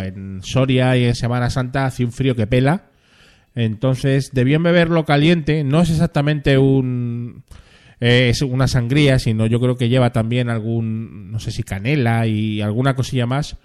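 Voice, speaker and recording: Male stream host, relaxed and rambling, middle pitch, reads viewer comments and riffs on them. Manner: rambling, chatty, ends phrases with a questioning tag. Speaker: live stream host reading chat. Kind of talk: casual live chat.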